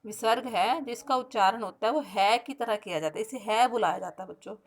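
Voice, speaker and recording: A woman teacher giving a recorded grammar lesson to pupils, explaining step by step, asking the class questions and slowing down to spell out sounds and example words. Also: on the high side. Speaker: school teacher.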